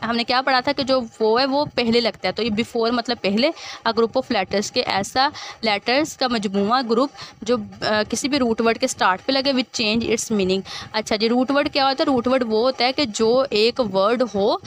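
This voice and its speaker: A woman teacher giving a grammar lesson. She reads English text slowly, then explains it in Hindustani, patiently repeating key words. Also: on the high side, a little hiss or hum.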